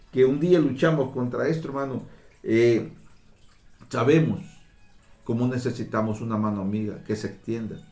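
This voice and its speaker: A man's voice: mid-range voice, a little mellow, echoey room. A man preaching a fervent sermon who keeps calling his listeners brothers and repeats his phrases.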